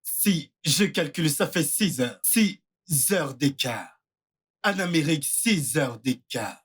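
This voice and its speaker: A woman's voice: low voice, lively intonation, slow, breathy edge, exaggerated voice. A woman voicing a boastful villager who dreams of America and shows off a mock-American manner, in a dubbed film. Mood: playful. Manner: showy, teasing, mock-American put-on.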